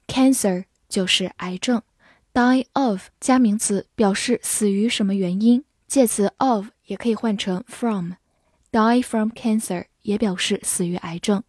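Spelling out each word one letter at a time, a woman reads example sentences slowly in a scripted lesson on English vocabulary. Her mid-range voice is a little mellow, captured at studio quality with no echo.

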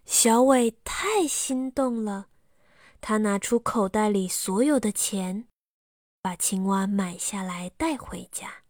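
A woman narrating a children's bedtime story slowly and softly. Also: medium pitch, no room sound, studio quality. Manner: slow and soft.

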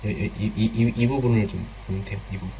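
A man's voice: fairly low pitch, steady tone, fairly quick, dark tone, slight background noise. A man teaching pronunciation in a live online class, patiently repeating drill sounds and mixing in some Chinese words.

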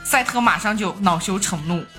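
A woman's voice: medium pitch, normal speed, a bit bright, faint music behind. A woman hosting a podcast, casually retelling an ancient myth and laughing often as she acts out the gods. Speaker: podcast host telling myths. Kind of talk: casual storytelling chat.

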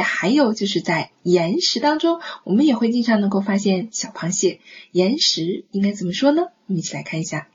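Breathy woman teaching children phonics. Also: mid-range voice. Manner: coaxing, slow drawn-out modeling of words. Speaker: French teacher. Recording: dull lo-fi recording.

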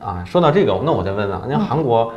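A man's voice: mid-range voice, big pitch swings, fast, darkish tone. A man from China hosting a casual interview, chatty and informal, often rephrasing his questions. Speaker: interviewer, host. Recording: dull echoey room recording, faint noise.

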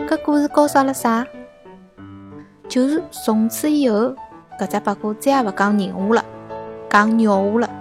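A woman with a Shanghai accent, telling a children's story as a lively scripted host. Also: fairly high pitch. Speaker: host and storyteller of a children's family education show. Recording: music bed behind the voice. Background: music.

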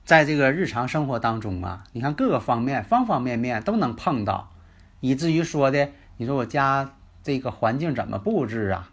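A man's voice: mid-range voice, expressive, moderate pace. A man hosting a radio lecture in a chatty style, asking rhetorical questions and using many filler particles. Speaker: radio host and lecturer on the five elements.

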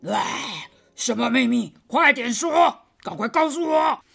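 Mom doing a gravelly raspy big tiger, bossy and shouty, storybook voice. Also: female voice, high voice, expressive, takes it slowly, faint music behind, full character voice. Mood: bossy, angry. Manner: gruff, demanding shouts.

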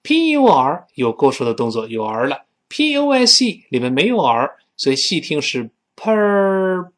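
A male English teacher. His pitch swings up and down a lot as he explains. He often slows down to repeat each English phrase for learners to copy. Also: sing-song. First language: Chinese. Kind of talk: spoken English lesson.

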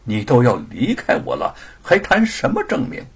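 A man's voice: medium pitch, wildly swooping pitch, normal speed, breathy edge, heavily acted. A man playing a sly, passionate scholar. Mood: stern teasing. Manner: dramatic, swings from pleading to stern.

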